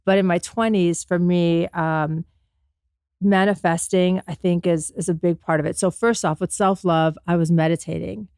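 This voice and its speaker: A woman's voice: fairly low pitch, steady tone, normal speed, darkish tone, clean tone, no echo, studio quality. A woman in her forties, born in Afghanistan and raised in America, telling her life story as a podcast guest in an earnest, motivational way with frequent ums. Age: 40s. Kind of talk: reflective personal storytelling.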